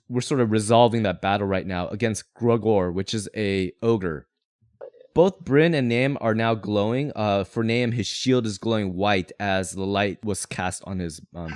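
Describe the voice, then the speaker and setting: Game master explaining the scene, dry close sound. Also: male voice, fairly low pitch, darkish tone, no echo. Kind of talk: narrating a tabletop game, casual.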